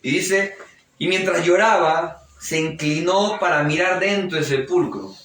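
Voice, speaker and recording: A man's voice: a little high, measured pace, a bit bright, recorded from a distance, a little hiss or hum. A male pastor preaching a live sermon, fervently peppering his retelling with praise and calls to his brothers. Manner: fervent, keeps interjecting praise and calling the listener brother. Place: church hall during a service. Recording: echoey church hall, picked up from afar.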